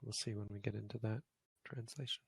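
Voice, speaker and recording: A man's voice: lowish voice, steady tone, brisk, creaky, breathy edge, dry recording. A man, a Buddhist monk, giving an informal grammar lesson to a study group, thinking aloud and correcting himself as he goes. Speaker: Buddhist monk teaching Pali.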